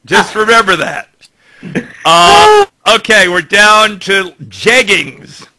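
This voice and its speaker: A man's voice: high voice, slow pace, pushed and bright. A man with an English accent hosting a casual radio chat, formal and dry in his humor. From England. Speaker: radio show host.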